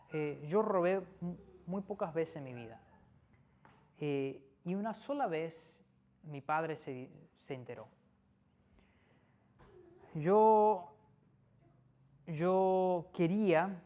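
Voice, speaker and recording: A man preaching in a conversational sermon, often checking in with the listener through tag questions and pausing with fillers. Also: fairly high pitch, darkish tone. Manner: frequent tag questions, hesitant fillers and restarts.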